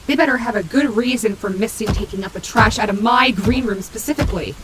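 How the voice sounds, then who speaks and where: A woman's voice: medium pitch, fairly quick, lightly acted. Sassy wolf animatronic woman acting, rain behind. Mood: vain, annoyed. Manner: sassy, casual, swearing, muttering asides to herself. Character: female animatronic wolf, vain, sassy, turning protective and maternal. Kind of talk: character audio roleplay, speaking to listener. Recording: heavy rain and thunder noise behind. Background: rainstorm sound effects.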